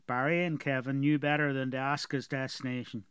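A man reading a storybook as narrator in a steady, even way. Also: medium pitch, fairly quick, smooth, no echo, studio quality.

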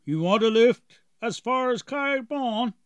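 A man's voice: very high voice, expressive, measured pace, clear, resonant tone, no echo, dull audio, pitched above the performer's own voice. A man voicing a friendly, shrewd male cart driver with an easygoing, businesslike manner.

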